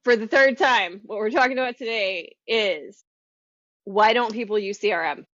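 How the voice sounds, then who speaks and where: A woman co-hosts a podcast in casual chat, talkative and quick to laugh. Her voice is recorded close and dry, with no room echo. The sound is slightly muffled and dull. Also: mid-range voice, a bit bright. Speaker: podcast co-host.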